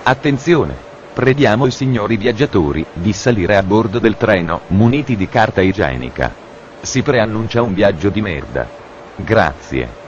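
A man making deadpan, formal mock train announcements, as if heard over a train station PA system. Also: fairly low pitch, normal speed, muffled recording, slight background noise.

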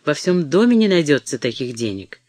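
A man's voice: a little high, big pitch swings, brisk, no room sound. A man reading as a timid pleading mother. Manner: soft, faltering and imploring. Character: timid, pleading poor middle-aged mother.

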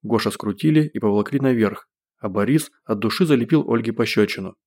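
A man narrating an audiobook with a low, steady voice. His reading is even and measured, carrying the story along without fuss. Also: breathy edge. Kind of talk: scripted narration.

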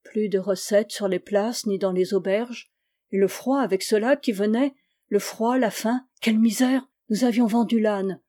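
Mellow-voiced woman reading a tale aloud. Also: medium pitch, normal speed. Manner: expressive, dramatic storytelling. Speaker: audiobook reader. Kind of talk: literary audiobook narration.

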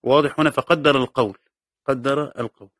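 This Egyptian-accented Quran commentary teacher reads a passage to his class, explains it, and repeats its key words. His mid-range voice is steady, brisk, and a bit bright, recorded in a clean studio without echo.

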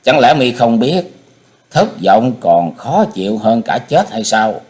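A man's voice: mid-range voice, big pitch swings, slow pace, darkish tone. A man voicing a cold, ruthless king and father in an audiobook story.

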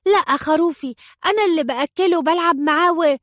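A woman voicing an angry young boy with an Egyptian accent, shouting and outraged, in a storytelling reading. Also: high voice, animated, brisk, no echo, clean studio sound, voice pushed up. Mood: furious. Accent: Egyptian Arabic.

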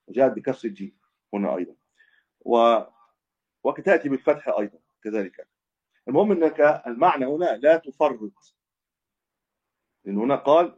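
Heard through a muffled, low-fidelity recording, a man with a slightly rough, somewhat mellow mid-range voice explains hadith as a scholar. He tends to go over points again, rephrase them, and catch his own mistakes.

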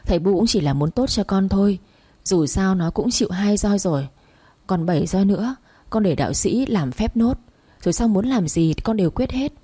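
A woman's voice: medium pitch, lively intonation, normal speed, dark tone, breathy edge. Woman as an anxious rich lady of the house. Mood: coaxing. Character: worried wealthy mother, first wife.

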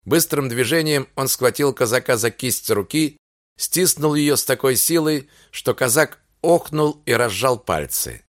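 Brief: male audiobook narrator, animated storytelling intonation, dry close studio sound. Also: mid-range voice, measured pace, dry recording. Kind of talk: scripted literary narration.

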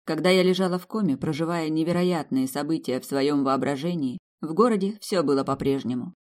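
An audiobook narrator reading a first-person fantasy novel in a plain, steady way. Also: medium pitch, fairly quick.

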